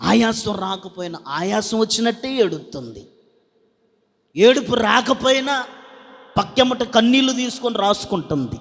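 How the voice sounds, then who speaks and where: A man's voice: high voice, animated, normal speed, fairly bright tone, in a large hall. A male pastor, preaching emphatically with repeated refrains and calling on the congregation to answer. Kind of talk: sermon.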